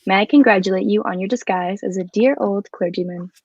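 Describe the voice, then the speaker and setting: A woman with a mid-range, darkish voice speaks briskly, lightly acting the part of a clever, bold, flirtatious adventuress in an adaptation of a 1940s radio drama. Her manner is poised, formal and coy, with a triumphant air. The recording is dry, and the highs are cut off.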